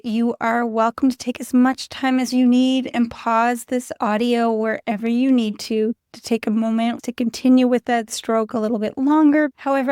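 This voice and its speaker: A woman calmly guiding listeners through a guided audio lesson in an unhurried, soothing voice. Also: a little high, smooth, no room sound, studio quality. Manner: calm, soothing, unhurried instructions. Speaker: canine rehab instructor.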